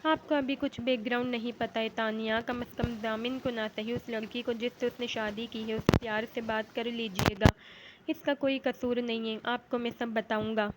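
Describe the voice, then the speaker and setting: A woman voicing a patient middle-aged father who gently persuades his wife. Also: fairly high pitch, level tone, heavy background noise, lightly acted. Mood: coaxing.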